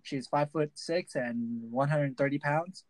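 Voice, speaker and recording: A young man co-hosting a casual podcast, halting and full of ums. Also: on the high side, no room sound. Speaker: podcast co-host.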